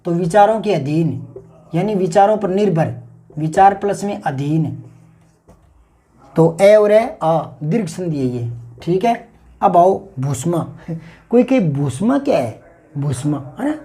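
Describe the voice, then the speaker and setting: A man's voice: sits high, expressive, slow, pauses often, dark tone. A man teaching a grammar lesson, explaining patiently and repeating key words aloud to drill them. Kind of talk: classroom-style grammar lesson.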